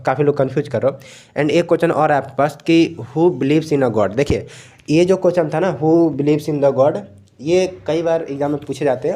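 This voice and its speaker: A young male tutor talks through exam answers in a relaxed, easygoing way. His voice is mellow and dark, set a little high for a man. He keeps checking in with his listeners, slipping English words into his speech. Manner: relaxed, repeats "thik hai" often, mixes in English words. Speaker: exam coaching teacher. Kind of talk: casual explanatory lecture.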